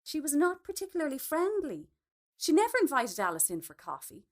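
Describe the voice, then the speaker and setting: A woman with a high voice briskly reads a literary short story aloud. Her delivery is expressive, the pitch moving widely from phrase to phrase.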